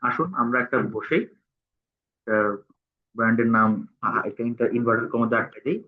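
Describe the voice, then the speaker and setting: A man, teaching a tutorial and dictating word by word as he types. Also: medium pitch. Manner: halting, dictates word by word while typing. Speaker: instructor. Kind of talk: screen-recorded tutorial. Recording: tinny phone-like sound.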